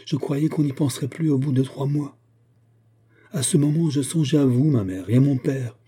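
A man performs a young noblewoman's lines in an audiobook, her pleading earnest, remorseful and indignant. He speaks at a moderate pace in a warm, husky, medium-pitched voice pushed upward, with a light touch of acting.

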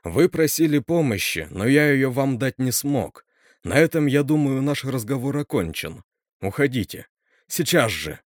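A man's voice: medium pitch, very animated, unhurried, dry recording, clean studio sound. A man voicing a stern, grim male teacher who talks bluntly and scolds, in a read-aloud horror story. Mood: angry. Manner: blunt, scolding, snaps loudly.

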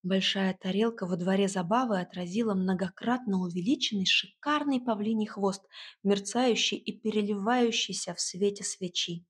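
A woman reading a fairy-tale audiobook in first person, lively and wry. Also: mid-range voice, moderate pace, breathy edge. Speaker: audiobook narrator.

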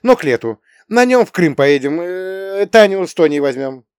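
This is a man putting on an excitable middle-aged Soviet mother who exclaims everything. Her voice leaps high with wild swings. The sound is close and dry, with no room. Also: moderate pace, clear, resonant tone, no room sound. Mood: fierce, warm. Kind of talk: audiobook character reading.

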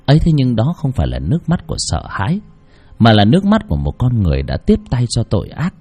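A man's voice: wildly swooping pitch, fast talker, dark tone, husky, faint music behind. A man narrating a horror story dramatically. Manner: dramatic, shifting pitch for effect.

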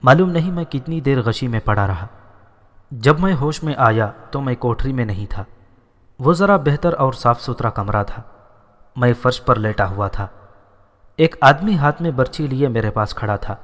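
A man tells a story in a steady, measured voice. His pitch sits in the middle of the range. A long reverb rings out behind every phrase. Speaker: narrator. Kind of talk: storytelling narration.

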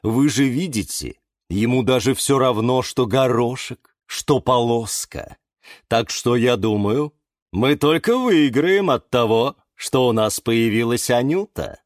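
A man voicing a calm, wise male bonsai tree who speaks slowly and thoughtfully, lecturing the others, in a children's storybook. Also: medium pitch, no room sound, clean studio sound, close to an everyday voice.

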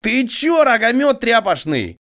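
A man voicing a small, shifty young street thug who jeers in a shrill, high voice. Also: measured pace, smooth, no room sound, clean studio sound. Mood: shrill indignant. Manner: shrill, jeering.

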